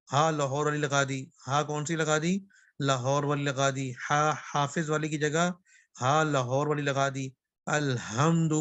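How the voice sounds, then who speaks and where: A man's slightly high, fairly bright voice leads a Quran recitation class with no room sound. He asks questions and supplies the answers, repeats important phrases, and slows his pace when reciting verses.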